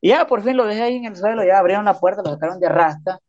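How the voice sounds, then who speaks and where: A man rattles off a story at a quick clip, packed with slang and punchy sound effects. The sound is a little dull and lo-fi. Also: sits high, darkish tone. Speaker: podcast guest, prisoner. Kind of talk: casual storytelling interview.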